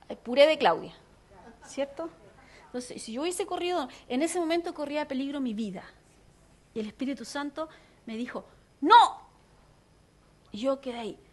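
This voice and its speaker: A middle-aged woman pastor with a Chilean Spanish accent, teaching a sermon in an animated, conversational way with jokes. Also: sits high.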